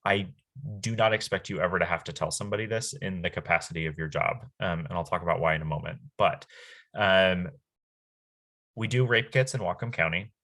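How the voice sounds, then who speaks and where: A man giving a staff training talk over a video call, earnest, with frequent "um" pauses and restarts. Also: low-pitched, fairly bright tone.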